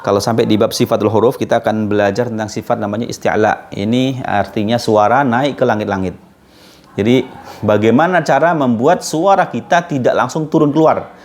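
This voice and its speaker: A man with an Indonesian accent teaching Arabic letter sounds, slowly drilling each sound and often clearing his throat from a cold. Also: mid-range voice, a little mellow, a little hiss or hum. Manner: slow, patient, repeats sounds as drills. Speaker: Quran recitation teacher.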